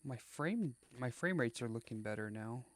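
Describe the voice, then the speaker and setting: A man running a casual live game stream, thinking out loud in a rambling, joking way and tripping over his own sentences. His voice sits at a middling pitch for a man, with a faint hum of background noise behind him. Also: animated, normal speed. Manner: rambling, joking, thinking aloud with many restarts.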